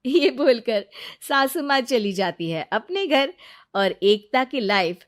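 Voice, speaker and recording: A woman's voice: a little high, expressive, slow pace. A woman narrating a cartoon story in a plain storytelling manner.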